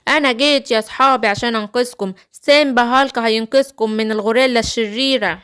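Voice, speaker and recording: A woman's voice: on the high side, fast talker, fairly bright tone, clean tone, natural voice. A woman voicing a kind, brave young male lion cub in a children's story, with an Egyptian Arabic accent. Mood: heroic. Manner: earnest, eager storybook hero.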